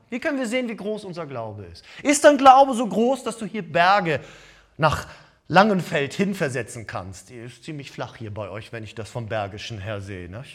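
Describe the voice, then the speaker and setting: A male pastor preaching a sermon, swinging from loud emphatic lines to hushed asides. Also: fairly high pitch.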